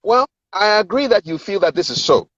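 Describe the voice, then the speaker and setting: Here a communications and sales coach, a middle-aged man with a Ghanaian accent, speaks in a high, sing-song voice that is a little fast and fairly bright. He explains his advice in a conversational interview, acting out sample dialogue and repeating words for emphasis, on a dull lo-fi recording with roomy echo.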